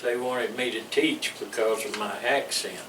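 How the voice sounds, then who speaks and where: A medium-pitched, moderately paced older man with a Southern accent recalls his time in the service for an interviewer, wandering folksily between anecdotes and chuckling along the way. The audio comes from an echoey room, captured by a distant mic with noticeable background noise.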